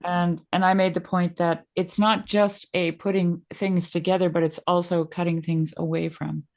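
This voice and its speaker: A woman's voice: fairly low pitch, moderate pace. A woman in a casual philosophical discussion, eagerly linking ideas together. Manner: animated, eager to connect ideas.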